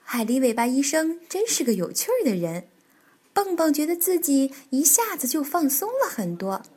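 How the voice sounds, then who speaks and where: A woman reading a children's picture book aloud as a storyteller, animated and expressive. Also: sits high, moderate pace.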